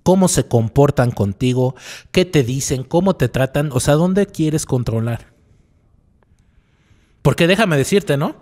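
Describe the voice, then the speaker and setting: Man, slightly high voice. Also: lively intonation, unhurried, long pauses, darkish tone. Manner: asks the listener rhetorical questions, tags lines with "¿no?"; repeats key phrases for emphasis. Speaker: psychologist. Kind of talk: reflective radio talk on personal growth.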